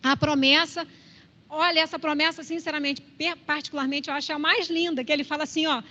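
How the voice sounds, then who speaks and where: Woman, Brazilian Portuguese accent, Bible class teacher, conversational, high-pitched, long church-hall reverb. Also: steady tone, a little fast, pushed and bright. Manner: conversational, keeps checking in with the class. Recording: reverberant hall, slightly dull sound.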